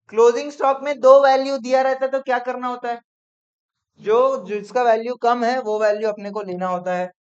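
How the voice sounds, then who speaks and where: A man teaching accounts in a classroom lecture, brisk and coaxing, often checking whether students follow. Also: high voice. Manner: brisk, coaxing, peppered with "theek hai?". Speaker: commerce teacher. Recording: dull lo-fi classroom recording.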